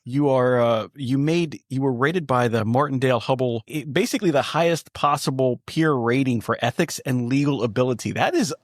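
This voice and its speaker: A man's voice: medium pitch, normal speed, hardly any pauses, no room sound, clean studio sound. A man hosting a podcast, introducing his guest in an upbeat, chatty way. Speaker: podcast host. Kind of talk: casual interview chat.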